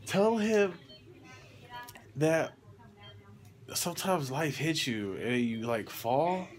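A man's voice: fairly high pitch, animated, slow. A young man, groggy from anesthesia, chatting casually and slangily to a phone, drifting from thought to thought. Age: young adult. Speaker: vlogger, patient after surgery. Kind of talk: casual rambling chat to camera. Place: hospital room, lying in bed. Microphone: phone at arm's length. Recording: background noise of a hospital room.

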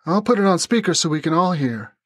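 Brief: man putting on a fierce young woman, sharp and commanding, raised pitch, dry sound. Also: expressive, fairly quick, no room sound.

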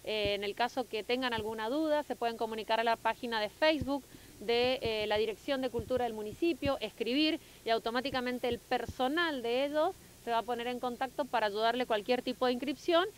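A woman's voice: a little high, fairly quick, a little hiss or hum, rough recording. A woman, a municipal culture official, explaining aid programs to local TV news with frequent fillers and restarts. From Argentina.

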